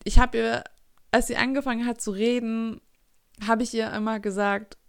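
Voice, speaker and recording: A woman's voice: fairly high pitch, steady tone, normal speed, vocal fry, clean tone, no room sound, studio quality. A woman in her twenties talking reflectively in a casual personal monologue, often searching for her words. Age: 20s.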